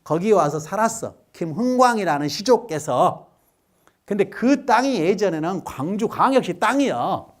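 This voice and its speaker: Lively, joking man lecturing. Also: high voice, normal speed. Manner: joking, quizzes the audience and has them repeat after him. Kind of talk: public lecture to a live audience.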